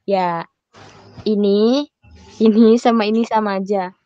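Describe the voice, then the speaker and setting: A young woman tutors a student over a muffled online call, her voice mellow and relaxed. She talks in a chatty, patient way, dry and close to the mic, and laughs easily. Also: medium pitch, a little slow, dry recording. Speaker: Mandarin tutor. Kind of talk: casual private lesson.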